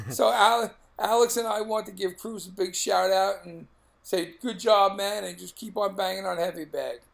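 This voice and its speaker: A man's voice: high-pitched, fairly even intonation, moderate pace, gravelly. A middle-aged man with a Brooklyn accent, co-hosting a podcast in casual, blunt, jokey chat. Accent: Brooklyn, New York. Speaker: podcast co-host.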